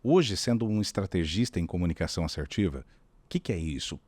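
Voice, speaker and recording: Animated, deep-voiced Brazilian communication coach. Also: male voice, quick pace, no echo. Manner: demonstrative, often acts out voices. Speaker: communication strategist guest. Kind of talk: animated explanatory talk.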